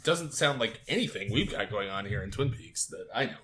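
Bright-voiced man recapping TV casually. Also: lowish voice, fast talker. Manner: animated, laughing, casual swearing. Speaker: podcast co-host.

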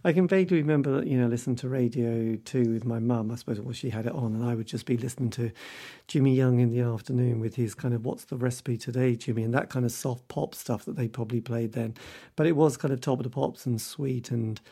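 A middle-aged man with an English accent and a husky voice, chatting casually and reminiscing in a rambling, self-deprecating way as an interviewer. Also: mid-range voice, fast talker, warm tone. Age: 50s or older. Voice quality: husky, gravelly.

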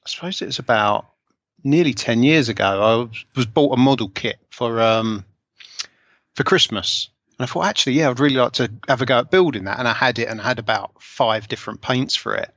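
A man's voice: mid-range voice, brisk, fairly bright tone, dry recording. A man in his forties with an Essex accent, chatting casually and self-deprecatingly about himself as an interview guest. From Essex, England. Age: 40s. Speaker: interview guest, scale model hobbyist. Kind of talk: casual conversation, telling life story. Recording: slightly dull, lo-fi voice recording.

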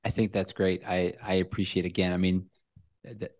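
A man's voice: low-pitched, flat delivery, moderate pace, darkish tone, a little hiss or hum. A man hosting a podcast, thanking his guest appreciatively, with a few stammered restarts. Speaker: podcast host. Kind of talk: podcast interview.

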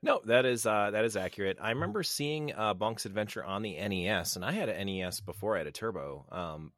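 A man co-hosting a casual games podcast, excitable and jokey. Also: lowish voice, fast, no echo, studio quality. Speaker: podcast co-host. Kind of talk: casual chat.

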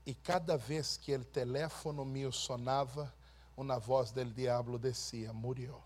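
A man preaching a sermon as a pastor, slowly and emphatically, swinging from hushed storytelling to shouted proclamation. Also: mid-range voice, steady tone.

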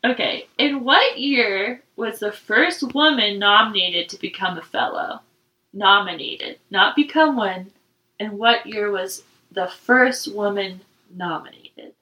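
A woman's voice: mid-range voice, slow pace, sharp tone, recorded from a distance, dull audio. A woman co-hosting a podcast, chatting casually and reading out trivia with frequent laughs. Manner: giggly, reads trivia aloud. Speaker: podcast co-host. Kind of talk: casual chat.

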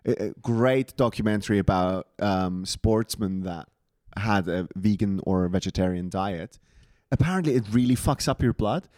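A man's voice: fairly low pitch, moderate pace, dry recording, studio quality. A man from Switzerland co-hosting a podcast, telling stories in casual chat with plenty of swearing. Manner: swearing, animated storytelling. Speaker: podcast co-host.

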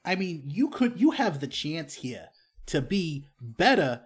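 A man's voice: fairly high pitch, big pitch swings, a little slow, breathy edge, heavily acted. A man playing an exasperated crime crew leader in a tabletop game, stern and lecturing. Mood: persuasive.

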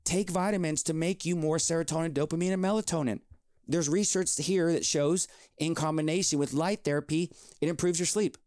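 A man's voice: on the high side, a little fast, a little mellow, no room sound, clean studio sound. A man in his forties hosting a solo health podcast, talking in an upbeat, emphatic, motivational way. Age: 40s. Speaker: podcast host.

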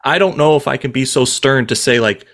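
A man co-hosting a podcast, speaking thoughtfully and hesitantly, often pausing to find his words and filling gaps with "like". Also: mid-range voice, a bit bright. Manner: frequent filler "like". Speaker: podcast co-host. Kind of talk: casual podcast chat.

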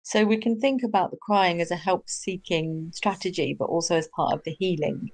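A woman in her thirties speaks as a psychologist guest on a podcast. Her voice is lowish and gravelly, and she talks gently and candidly. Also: moderate pace. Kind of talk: podcast interview.

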